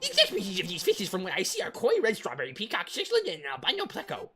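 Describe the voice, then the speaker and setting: A pedantic young fish nerd, read out by a man streaming a game, lectures in a blunt know-it-all manner. The voice swings widely in pitch and squeaks up on certain words. Faint background music sits behind him. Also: huge pitch swings, fast, bright, forceful tone, heavily acted. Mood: lecturing. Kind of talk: reading game dialogue aloud.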